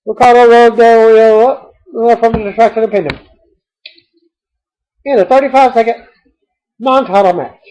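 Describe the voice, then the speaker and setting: High-voiced man reading a wrestling recap. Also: dark tone, dull audio. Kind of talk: read-aloud show recap.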